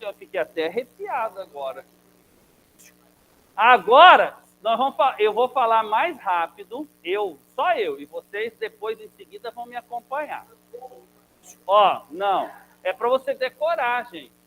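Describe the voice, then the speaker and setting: High-voiced man drilling a chemistry class. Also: unhurried, a little hiss or hum, poor audio. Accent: Brazilian Portuguese. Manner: energetic, drilling a mnemonic chant. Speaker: chemistry teacher. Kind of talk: classroom lesson.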